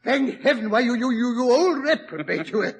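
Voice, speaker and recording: A man's voice: extremely high pitch, lively intonation, fairly quick, slightly rough, exaggerated voice. An actor playing a loyal, flustered male doctor in a 1940s radio drama, stammering through his words. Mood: excited. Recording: old lo-fi radio broadcast.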